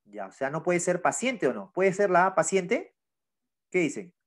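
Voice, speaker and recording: A man teaching an online class, his pitch rising and falling in a lively, animated way as he explains. He talks patiently and keeps checking whether the students follow. He is heard through a laptop microphone. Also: unhurried.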